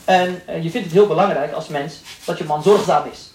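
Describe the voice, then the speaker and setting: Fast-talking man lecturing in an echoey hall. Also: a little high. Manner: quick-talking, joking, acts out people in stories. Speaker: Islamic lecturer. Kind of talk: lively classroom lecture with anecdotes. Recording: echoey room, voice from a distance, faint noise.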